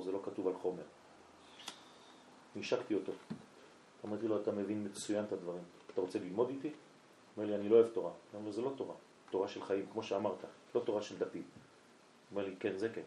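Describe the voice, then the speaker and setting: A man's voice: fairly low pitch, warm tone, a little hiss or hum. A man, a rabbi, telling a story during a night lesson and acting out both sides of a conversation. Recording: echoey room.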